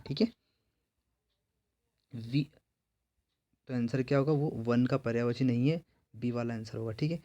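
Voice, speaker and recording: Mellow-voiced male teacher quizzing his class. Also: mid-range voice. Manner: repetitive, quizzing himself and answering. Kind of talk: exam-prep lesson.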